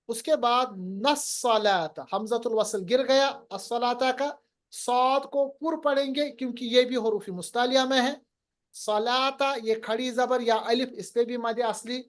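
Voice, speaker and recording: Woman teacher, slightly high voice, really slow patient explaining, asks the class questions. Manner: patient, explains rules and quizzes students. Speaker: Quran recitation teacher.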